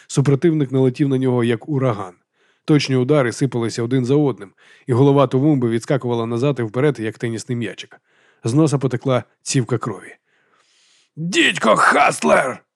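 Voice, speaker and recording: A man narrating a novel as an audiobook in a steady, even manner. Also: medium pitch, fast, dry recording, studio quality.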